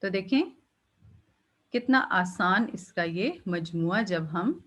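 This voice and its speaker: Patient woman teaching recitation, slow. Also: on the low side. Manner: explains patiently, demonstrates letters with drawn-out breathy release. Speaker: tajweed teacher. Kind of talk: step-by-step recitation lesson.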